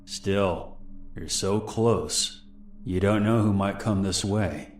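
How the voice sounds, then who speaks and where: Creepy young male stranger, soft and calm, quietly menacing, low deep tone, read by a man narrator. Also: takes it slowly, roomy sound, far from the mic. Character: unsettling young adult male stranger posing as ranger.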